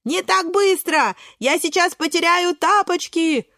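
A woman voicing a timid little lingonberry girl who squeals in a high voice. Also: moderate pace, dry recording, clean studio sound. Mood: alarmed.

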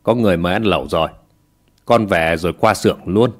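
A man's voice: medium pitch, very animated, normal speed, darkish tone, natural voice. A man voicing a blunt, curt young village man who idles and gambles.

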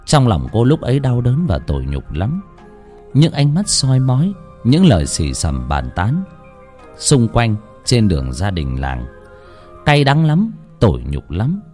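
Male horror narrator, low voice, very animated, music underneath. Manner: dramatic, emotive storytelling. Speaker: ghost story narrator. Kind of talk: scripted horror story narration.

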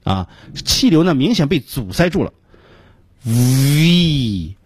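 A middle-aged man with a Beijing Mandarin accent gives a radio pronunciation lesson, explaining slowly and repeating each sound he demonstrates. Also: fairly high pitch, sing-song, breathy edge, dry recording. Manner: frequent filler particles between phrases. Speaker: English pronunciation teacher.

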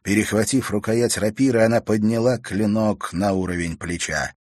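A man narrating an audiobook in a measured, expressive reading. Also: fairly low pitch, no room sound, clean studio sound.

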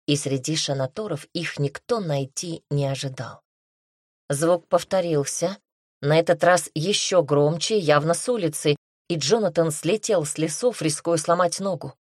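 Woman narrating an audiobook, lowish voice, dead dry sound, steady pace. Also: moderate pace, slightly rough, no room sound.

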